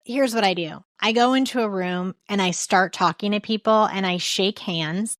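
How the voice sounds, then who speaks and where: A woman's voice: mid-range voice, moderate pace, no room sound, studio quality. A woman hosting a podcast interview who talks in a chatty way and stops to search for her words. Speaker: podcast host.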